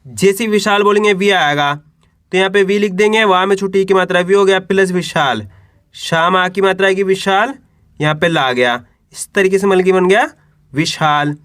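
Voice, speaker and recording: A man teaching Hindi spelling, sounding out each syllable slowly and asking the class to repeat the word. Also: high-pitched, a bit bright, no room sound, studio quality. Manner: spells out syllables slowly, then asks "what will we read?". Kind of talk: slow spelling lesson for children.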